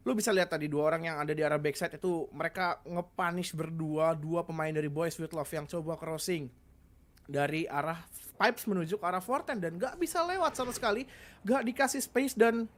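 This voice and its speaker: A woman's voice: on the low side, a little fast. A woman with an Indonesian accent giving casual analytical esports commentary, slangy and peppered with English gaming terms.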